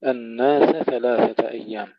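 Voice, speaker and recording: A man teaching Quran recitation in a tajweed lesson, moving between slow melodic recitation of verses and brisk explanations of pronunciation rules. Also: mid-range voice, lively intonation, creaky, no echo, dull audio.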